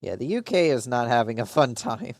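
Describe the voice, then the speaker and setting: A man's voice: medium pitch, sing-song, fairly quick, dry recording, studio quality. A man casually commenting on his strategy game during a live stream, rambling and muttering to himself with frequent swearing.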